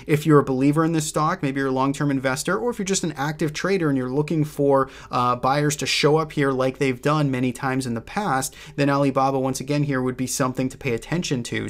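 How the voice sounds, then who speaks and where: A man with a Boston accent hosting a chart walkthrough, talking casually and loosely as he thinks aloud with frequent restarts. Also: medium pitch. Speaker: host presenting stock trade ideas.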